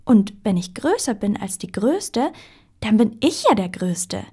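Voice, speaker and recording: A woman's voice: mid-range voice, sing-song, measured pace, mellow, slightly rough. A woman voicing a very polite, timid male hare in a storybook reading, in whispered role-play with an overly courteous manner.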